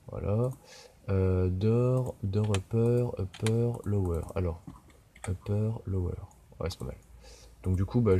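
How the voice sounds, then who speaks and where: Deep-voiced man coding and thinking aloud. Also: warm tone, a little hiss or hum. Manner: rambling, self-mocking, frequent swearing and fillers. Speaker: game developer tutorial host. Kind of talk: casual thinking-aloud screen tutorial. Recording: keyboard typing and clicks behind.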